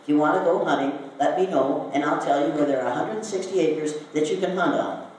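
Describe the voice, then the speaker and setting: Heard from afar in a hall full of echo and faint noise, an older woman from Iowa, United States, speaks to a live audience. Her slightly mellow voice sits low and moves fairly quickly as she tells a story and asks the crowd questions.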